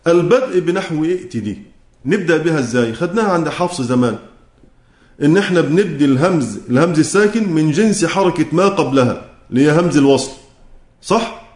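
A man with an Egyptian accent teaches the rules of Quran recitation. His voice sits a little high, and it echoes in the room. He poses questions, answers them himself, and slows down to chant each quoted verse. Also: lively intonation, a little mellow. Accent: Egyptian Arabic.

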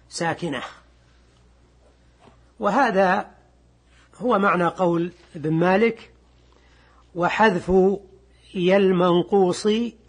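An older man teaching a classical Arabic grammar lesson with a husky voice, measured and repeating key words, reading quoted text slowly. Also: high voice.

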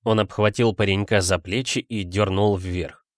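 A man reading a story aloud as narrator in a measured, even way. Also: fairly low pitch, no room sound, clean studio sound. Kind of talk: audiobook narration.

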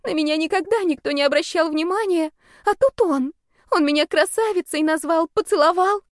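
Woman voicing a frightened lovesick student girl, very high and squeaky, teary pleading, dry. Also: normal speed, dry recording. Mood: sobbing. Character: timid lovesick young girl student, tearful.

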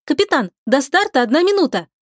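A woman voicing an eager, dutiful young woman pilot on a starship, reporting briskly to her captain in an audiobook. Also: sits high, sing-song, no room sound, studio quality, pitched above the performer's own voice.

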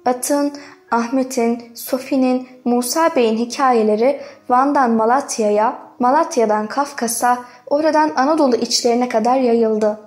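A woman narrating a literary novel as an audiobook, reading in a measured, dramatic way. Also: a little high, steady tone, a little mellow.

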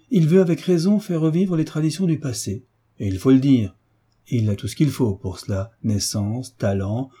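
A man's voice: medium pitch, mellow, husky, close to an everyday voice. A man reading a sly mocking hunchbacked marquis. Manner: teasing, ironic, drawn-out courtesy. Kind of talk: audiobook character reading.

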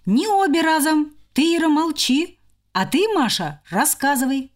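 A woman voicing a fussy young male hamster who shouts stern commands to stop a quarrel. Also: sits high, big pitch swings, a little slow, voice pushed up.

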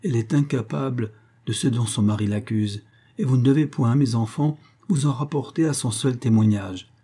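A man's voice: medium pitch, normal speed, mellow, slightly rough. A man voicing a pleading older mother. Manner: earnest and pleading. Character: anxious older mother pleading for her daughter.

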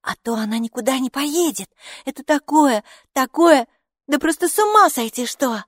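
A storybook schoolgirl, eager and bright, with a high, lively voice and a hushed, secretive streak, as a woman narrator plays her. The reading is close and dry. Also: normal speed, no echo, close to an everyday voice. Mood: excited. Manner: eager, conspiratorial whispering. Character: excitable schoolgirl, the older sister.

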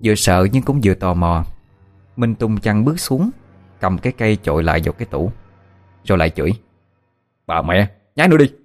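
Low-voiced male storyteller. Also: fairly quick, long pauses. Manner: steady storytelling. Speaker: narrator. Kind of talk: audiobook story narration. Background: faint background music.

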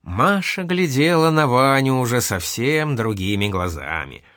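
A man narrating an audiobook with expressive reading. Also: mid-range voice, measured pace, no room sound, studio quality.

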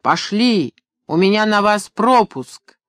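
A man reading an audiobook, voicing a gruff middle-aged man who yells hoarsely and frantically over battle noise. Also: high voice, sing-song, a little slow, no room sound, studio quality, pitched above the performer's own voice, heavily acted. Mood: frantic shouting.

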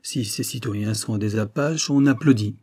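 A man's voice: on the low side, moderate pace, a little mellow, husky. A man voicing a witty, nonchalant middle-aged French aristocrat who turns declamatory, in an audiobook. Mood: wry.

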